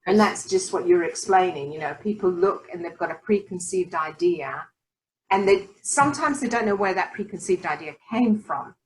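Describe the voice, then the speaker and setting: A woman's voice: fairly low pitch, normal speed, slight background noise, poor audio. An older British woman hosting a casual interview, reflective and encouraging as she talks. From Britain. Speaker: host.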